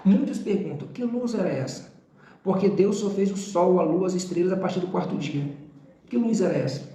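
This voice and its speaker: A man teaching a recorded theology class, explaining terms in a didactic way, repeating key words slowly and checking in with his students. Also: sits high, dark tone, roomy sound. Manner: didactic, talks straight to the student with "tá?" and "ó"; drawn-out repetition of key terms.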